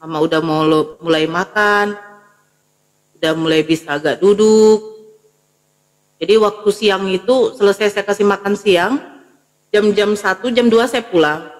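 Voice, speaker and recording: A woman's voice: mid-range voice, measured pace, pauses often, big-room sound. A woman giving a personal testimony, retelling events vividly and acting out her family's words. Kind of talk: emotional personal storytelling.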